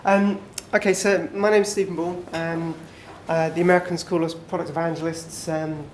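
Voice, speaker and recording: Speaking at a moderate pace in a slightly high voice, a man gives a small-group conference presentation. The tone is easygoing and chatty, heavy on fillers, and the room echoes with a faint background noise.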